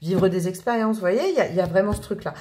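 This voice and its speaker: A woman's voice: mid-range voice, animated, quick pace, dark tone. A woman giving a casual spoken tarot reading, chatty and thinking aloud with many fillers and restarts. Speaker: tarot reader.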